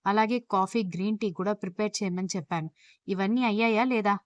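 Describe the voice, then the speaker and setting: A bossy head housekeeper from a read-aloud story, issuing brisk, commanding orders, voiced by a woman. Her pitch is ordinary and middling. The recording is dry and close. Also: no echo, lightly acted.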